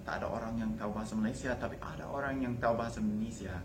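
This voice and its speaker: A man's voice: mid-range voice, fairly even intonation, rapid-fire, background noise. A young American man, a native English speaker, speaking Indonesian as a foreigner with some Malay words mixed in, casually introducing himself to camera. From United States. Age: young adult. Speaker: university language student.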